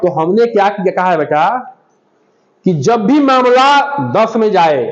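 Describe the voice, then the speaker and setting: A man with a very high voice teaches a math lesson to a room of young pupils, firing short questions and waiting for them to call back the answers. The recording is dull and lo-fi, and a crowd of children can be clearly heard behind him. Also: expressive, a little slow. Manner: repetitive call-and-response questioning. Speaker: primary school teacher. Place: classroom with children.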